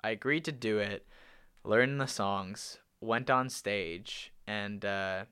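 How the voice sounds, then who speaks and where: Chatty young man, smooth clear voice. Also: lowish voice, slow, sharp tone. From Canada. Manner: rambling, many fillers, laughs often. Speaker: musician guest. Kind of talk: casual interview storytelling.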